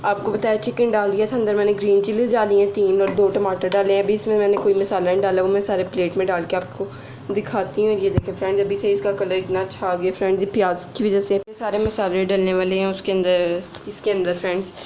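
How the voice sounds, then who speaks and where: A young woman chats her way through a recipe in her home kitchen, talking straight to viewers as friends. Her voice sits at an ordinary middle pitch. She often breaks into giggles. A faint hum of kitchen noise runs underneath. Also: little pitch movement, fast. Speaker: vlogger. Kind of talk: casual cooking vlog.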